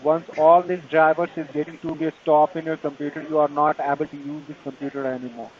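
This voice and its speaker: A man with an Indian accent giving a tech support pitch in a call-center manner, halting and repetitive in non-native phrasing. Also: little pitch movement. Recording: dull lo-fi phone call, busy chatter behind.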